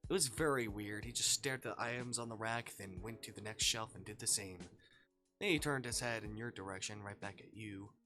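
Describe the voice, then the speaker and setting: A man's voice: lowish voice, fairly quick, sharp tone, soft background music. A man streaming live, reading a fan fiction story aloud in second person and breaking into playful asides.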